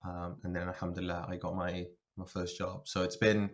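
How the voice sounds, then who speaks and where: With a low voice and completely flat delivery, a man talks fairly quickly as a podcast guest. He's a software engineer and linguist sharing his career story in a casual interview, thinking aloud as he speaks.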